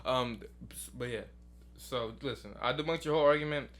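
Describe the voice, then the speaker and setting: A man's voice: medium pitch, fairly bright tone. A man co-hosting a podcast, arguing a football point and pushing on over interruptions. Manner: fast, insistent, talks over interruptions. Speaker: podcast co-host. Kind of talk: casual sports debate.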